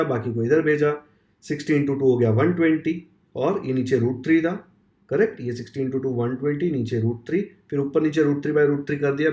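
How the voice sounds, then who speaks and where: A man's voice: on the high side, a little mellow. A man with an Indian accent teaching maths step by step, often stopping to check that students follow. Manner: explains step by step, often asking rhetorical checks. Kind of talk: Hinglish classroom lesson. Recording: roomy echo.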